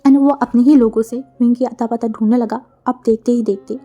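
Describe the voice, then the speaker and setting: A woman narrates a fan fiction story in a loose, chatty style, slipping English connecting words into her sentences. Her voice is somewhat high yet warm and dark in tone. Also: steady tone, normal speed, highs cut off, soft background music.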